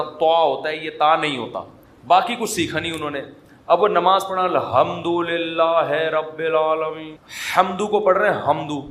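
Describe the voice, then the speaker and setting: A man's voice: on the high side, fairly bright tone, roomy sound. A man giving a conversational sermon, with humour and imitations of chanted calls. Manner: conversational, humorous, mimics chanting. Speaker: preacher.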